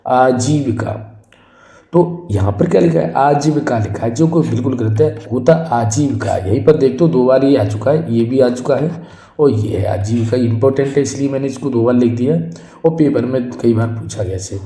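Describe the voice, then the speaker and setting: A man leads a spelling drill for exam students in a warm, mellow voice. The room has a noticeable echo. He draws the words out slowly and keeps asking questions to check that the class is following. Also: mid-range voice. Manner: drills each word slowly and repeatedly, asks the class questions. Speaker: Hindi teacher. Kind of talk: exam-prep spelling lesson.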